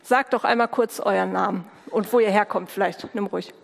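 A woman hosting an event, coaxing and chatting with children in a lively, warm manner. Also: mid-range voice, fairly quick, creaky. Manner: warm coaxing, speaks to kids directly. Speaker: host of a school-start service. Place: large hall with a crowd. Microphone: handheld microphone. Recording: long hall reverb, crowd murmur.

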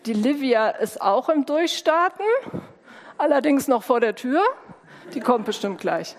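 A woman hosting an event, coaxing and chatting with children in a lively, warm manner. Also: high-pitched, a little slow. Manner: warm coaxing, speaks to kids directly. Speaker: host of a school-start service. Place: large hall with a crowd. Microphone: handheld microphone. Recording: long hall reverb, crowd murmur.

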